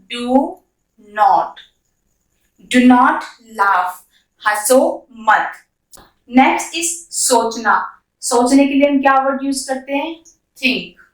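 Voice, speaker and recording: A woman with a fairly high voice teaches beginners, saying each example phrase slowly and with care. She sits back from the mic in an echoey room. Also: recorded from a distance. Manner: slow, drawn-out model sentences between quick explanations. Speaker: English teacher. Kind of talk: beginner language lesson.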